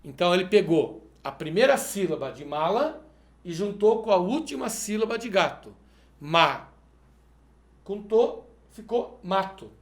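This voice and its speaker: A man's voice: high voice, sing-song, a little slow, reverberant. A male math teacher solving exercises step by step in a video lesson, checking in with the viewer as he goes. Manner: methodical, explains step by step, asks "perfeito?".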